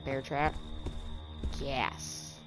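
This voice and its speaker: Extremely slow and with little pitch movement, this bass female voice belongs to a young streamer giving casual, frustrated, swear-filled rambling about her gameplay over game music.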